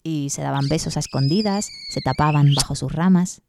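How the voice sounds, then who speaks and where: A woman storyteller telling a children's tale in a playful, expressive, unhurried way. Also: low voice, vocal fry, background noise. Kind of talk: storytelling performance with songs.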